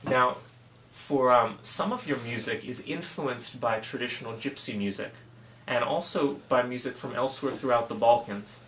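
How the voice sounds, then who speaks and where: A man's voice: medium pitch, normal speed, few pauses, fairly bright tone, slight background noise. A man hosting an interview, reading a polite, prepared introduction and then asking questions. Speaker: interviewer host.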